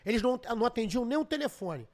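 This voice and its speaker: Brazilian man, podcast guest, high quick voice, lively profane storytelling. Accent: Brazilian Portuguese. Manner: animated, swearing, laughing storyteller. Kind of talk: casual storytelling chat.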